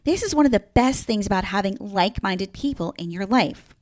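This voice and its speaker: A woman's voice: mid-range voice, lively intonation, fairly quick, darkish tone. A woman in her fifties with a New Jersey accent, hosting a solo podcast in an upbeat, emphatic, playfully sarcastic way. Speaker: podcast host.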